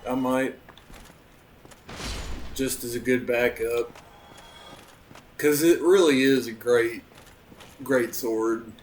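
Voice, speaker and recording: A man playing the game while co-hosting, calmly explaining the mechanics in a dry, easygoing way. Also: mid-range voice, slow, pauses often. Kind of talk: casual gameplay commentary. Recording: distant mic with faint background noise.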